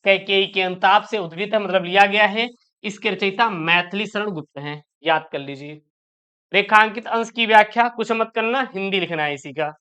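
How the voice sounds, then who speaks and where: A woman's voice: medium pitch, normal speed, bright, forceful tone, clear, resonant tone. A woman teacher going through an exam paper, calling her students "beta" and asking questions that she answers herself. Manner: calls listeners "beta", asks and answers own questions. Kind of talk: exam-prep lesson explaining poetry.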